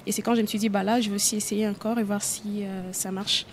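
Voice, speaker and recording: A woman's voice: mid-range voice, little pitch movement, quick pace. A woman from Goma, a dancer, answering interview questions hesitantly with many fillers. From Goma, DR Congo. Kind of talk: casual interview. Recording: faint background noise.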